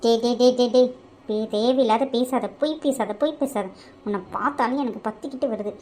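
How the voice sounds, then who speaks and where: A woman's voice: on the high side, fairly quick, warm tone, lightly acted. A woman voicing a young married woman held captive in a cartoon, who insults her captor with scorn and then begs him to let her go. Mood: scornful. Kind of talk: animated cartoon voice acting.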